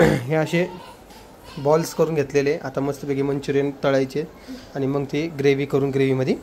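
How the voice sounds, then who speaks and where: A man's voice: medium pitch, level tone, normal speed, a little mellow, slight background noise. Playful father vlogging from home. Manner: playful, coaxing with a small child, chatty aside to viewers. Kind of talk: casual home vlog chat. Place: home kitchen, indoors.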